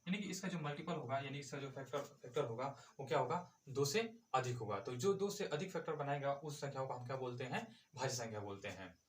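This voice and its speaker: A man's voice: medium pitch, quick pace, few pauses, roomy sound. A male math teacher explaining a lesson step by step, asking and answering his own questions as he goes.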